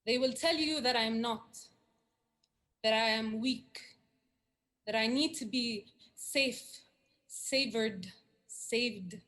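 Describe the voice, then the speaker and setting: A woman poet from Syria, her voice a little high with a fairly bright tone, speaks on a video call and then recites spoken word poetry. She reads in an earnest, measured manner, leaning on dramatic repetition.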